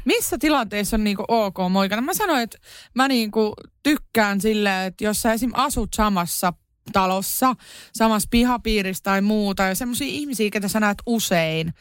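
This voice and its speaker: A woman's voice: medium pitch, clear, resonant tone, no room sound, studio quality. A young woman co-hosting a podcast in casual chat, giggly and playful, often mimicking the way people greet each other. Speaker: podcast co-host.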